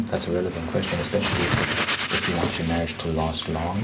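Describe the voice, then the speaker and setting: A man giving casual, opinionated relationship advice in a rambling monologue, repeating phrases for emphasis. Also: deep voice. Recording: clear background noise.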